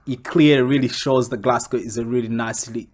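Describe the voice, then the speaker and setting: A young man from Congo, a comic book creator, answering interview questions in a casual, animated way that jumps up when he quotes himself. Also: medium pitch, a little fast.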